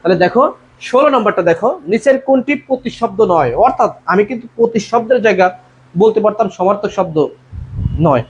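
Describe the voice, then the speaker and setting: This high, quick-paced male voice belongs to an admission tutor hosting a live online class. He addresses students as "bhaiya," reads viewers' answers out of the comments and invites the group to reply, all captured in dull lo-fi audio with a little noise.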